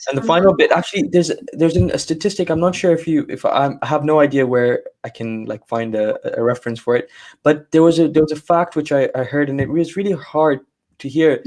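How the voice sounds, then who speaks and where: A man's voice: a little high, a little fast, a little mellow. A man hosting a podcast, affirming his guest and talking through repeated restarts. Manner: affirming, rambling restarts, fillers like "like" and "you know". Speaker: podcast host. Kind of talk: conversational interview.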